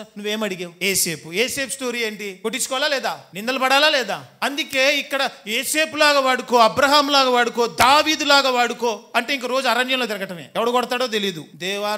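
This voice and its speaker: A male preacher with a very high, sharply bright voice delivers a church sermon. He keeps throwing questions at the congregation and drives his points home with forceful exhortation. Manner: rising to emphatic exhortation. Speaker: pastor.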